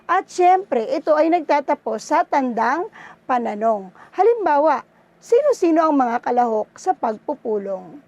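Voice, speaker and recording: A woman's voice: high voice, very animated, a little slow, a little mellow, no echo, muffled recording. A woman teacher with a Filipino accent, giving a lesson and checking in with her pupils with frequent "no?" and "okay?". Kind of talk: online class lesson.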